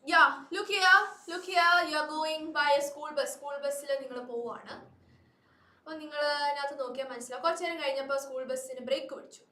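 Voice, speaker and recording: A woman's voice: high voice, normal speed, pushed and bright, recorded from a distance. A woman teacher, running a live online class and coaxing students with repeated prompts. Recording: echoey room.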